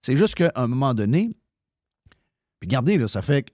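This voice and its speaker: A man's voice: medium pitch, very animated, normal speed, a little mellow, no room sound, studio quality. A man with a Québécois accent, hosting live radio talk in a heated, ranting way, swearing freely. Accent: Québécois French. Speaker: radio show host.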